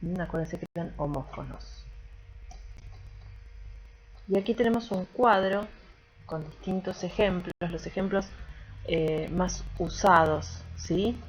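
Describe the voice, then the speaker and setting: A woman's voice: on the low side, takes it slowly, long pauses, highs cut off. A woman teacher giving a recorded grammar lesson, explaining patiently step by step and often checking in with the class.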